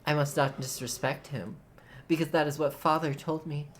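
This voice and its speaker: A woman's voice: deep voice, fairly even intonation, normal speed, a little hiss or hum, lightly acted. A woman voicing an earnest, proud young male noble bird in a game, speaking with stiff, formal diction. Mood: brooding. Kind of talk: reading visual novel dialogue aloud. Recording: faint music behind.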